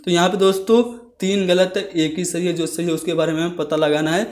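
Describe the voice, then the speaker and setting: A man with a fairly high voice works through exam questions one by one. He reads each option aloud and explains it patiently. The room around him is echoey. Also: level tone, a little fast, darkish tone. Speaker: exam teacher. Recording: roomy echo.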